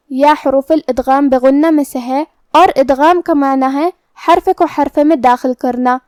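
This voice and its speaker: High-voiced woman teaching tajweed. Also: warm tone, no echo, clean studio sound. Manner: methodical, step-by-step explanation of letter sounds. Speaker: Quran recitation teacher. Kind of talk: tajweed lesson, explaining then reciting slowly.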